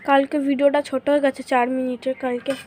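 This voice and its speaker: A young woman with a hoarse voice and a stuffy nose from a cold, chatting casually to her vlog camera as she shows her meal and home. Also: high voice, flat delivery, fast talker, darkish tone, slight background noise. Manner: chatty, showing things to camera. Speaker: vlogger.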